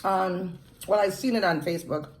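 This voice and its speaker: Eating on camera, a woman with a blended Jamaican and Québécois accent chats slowly and casually, stopping now and then to eat. Born in Jamaica and raised in Montreal, this mukbang vlogger has a mid-range voice, captured in a low-quality recording with an echoey room and slight background noise.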